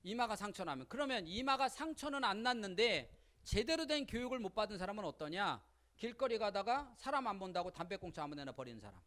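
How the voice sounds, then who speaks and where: A woman giving a lively seminar lecture on parenting, speaking colloquially, often asking the audience questions and acting out little quotes. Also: mid-range voice. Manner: colloquial, with frequent rhetorical questions and acted-out quotes.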